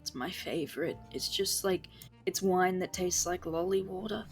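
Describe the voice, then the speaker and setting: A woman's voice: on the low side, normal speed. Breezy, slangy woman with music behind. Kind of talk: casual in-character role-play chat.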